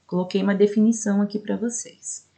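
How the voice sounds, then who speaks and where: A woman's voice: medium pitch, fairly even intonation, creaky, dark tone. A woman teacher with a Brazilian accent, explaining a recorded lesson for adult students and often checking in with "né?". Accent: Brazilian Portuguese. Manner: explanatory, frequent "né?" checks, spells out syllables slowly.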